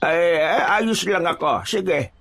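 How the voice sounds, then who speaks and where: A man's voice: fairly high pitch, lively intonation, slow, gravelly, noisy background, voice pushed up, full character voice. A man voicing an old male forest hermit who is friendly on the surface but sinister, talking in a folksy, hesitant way full of fillers. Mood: wheedling. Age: older.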